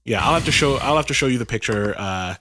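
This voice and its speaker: A man's voice: medium pitch, expressive, fast, bright, forceful tone. A man co-hosting a podcast in casual chat, playful and laughing often. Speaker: podcast co-host.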